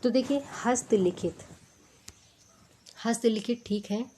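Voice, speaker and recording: A woman's voice: on the high side, unhurried, warm tone, a little hiss or hum. A woman teaching an exam-prep spelling lesson, explaining step by step and repeating each word to drill it.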